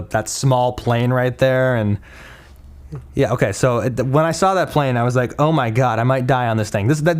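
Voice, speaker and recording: A young man from Minnesota talks through a casual solo podcast episode. He rambles, circling back with plenty of ums, uhs and false starts. His pitch sits in an ordinary middle range. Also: darkish tone. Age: young adult. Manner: rambling, many fillers and restarts. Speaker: podcast host.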